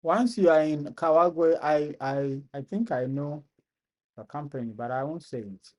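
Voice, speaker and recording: A live stream host from Ghana with a Ghanaian accent, chatting casually with a guest, laughing often and teasing gently. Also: mid-range voice, unhurried.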